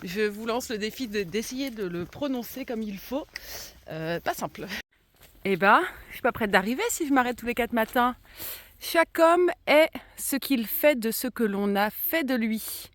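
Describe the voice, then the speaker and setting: A woman's voice: a little high, expressive, normal speed. A woman with a slight lisp musing aloud in a casual vlog, talking to herself and viewers as she walks outdoors. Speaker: hiker vlogging her walk. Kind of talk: casual spoken vlog while walking. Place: outdoors on a country trail. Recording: clear background noise, outdoor walk.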